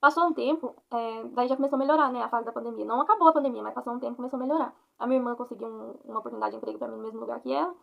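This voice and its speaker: A young Brazilian woman tells her faith story in a rapid, rambling, earnest flow on her own channel. Her voice sits high and carries a gravelly fry. The recording sounds dull and lo-fi. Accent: Brazilian Portuguese. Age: 20s. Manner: rambling, earnest, frequent tag questions. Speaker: vlogger. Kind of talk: personal faith testimony.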